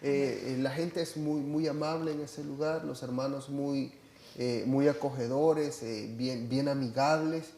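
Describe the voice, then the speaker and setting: A man's voice: medium pitch, steady tone, unhurried, mellow, echoey room. A Salvadoran man with a hesitant manner and lots of fillers, chatting about a church trip. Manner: hesitant, many fillers and restarts. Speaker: church member reporting on a trip. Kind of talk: casual chat.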